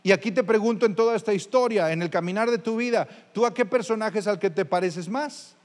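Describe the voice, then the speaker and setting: Pastor guy preaching, kinda high voice, asks the crowd stuff, big echoey church hall. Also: a little fast. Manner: conversational preaching, addresses listeners directly with questions. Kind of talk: sermon. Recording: long reverb of a large hall.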